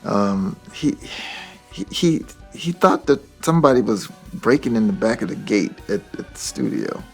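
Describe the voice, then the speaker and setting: A man, a musician guest, telling stories in a casual, animated way, laughing often and acting out the voices of people he quotes. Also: on the low side, moderate pace, vocal fry, faint music behind. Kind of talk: casual anecdotal storytelling.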